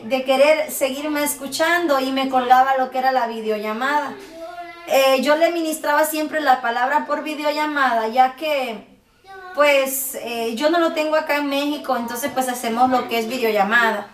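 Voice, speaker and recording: Woman giving a heartfelt church-style testimony, high voice, roomy echo, bit off the mic. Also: fairly bright tone, far from the mic. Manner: fervent, preacherly, keeps addressing listeners as brethren. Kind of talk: emotional religious testimony.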